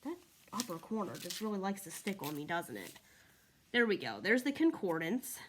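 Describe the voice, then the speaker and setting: A woman's voice: mid-range voice, very animated, normal speed, fairly bright tone, a little hiss or hum. A woman in a casual, chatty product review, walking through pages as she talks. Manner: friendly, chatty, walks through pages while talking. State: slightly out of breath. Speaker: Bible reviewer.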